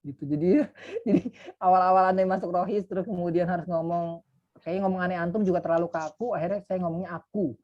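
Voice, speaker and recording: A man's voice: high voice, fairly even intonation, fast, lo-fi sound. A man in his thirties, a youth mentor, giving a casual, chatty online talk full of fillers and asides. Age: 30s.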